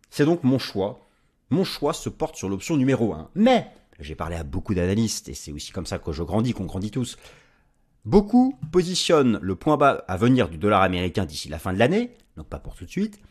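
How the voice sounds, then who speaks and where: A man giving market commentary over charts, lively and emphatic, with frequent restarts and asides. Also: medium pitch, breathy edge. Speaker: market analyst presenting forex video.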